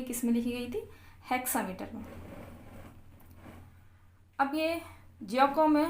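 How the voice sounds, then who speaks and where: A woman teaching literature for an exam, her fairly high voice moving at an unhurried pace. She reads each point slowly before explaining it and putting questions to her students. The recording has a roomy echo. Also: a little mellow. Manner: reads English points slowly, then explains them in Hindi with quiz questions. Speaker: English teacher. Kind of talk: exam-prep lecture in Hindi and English.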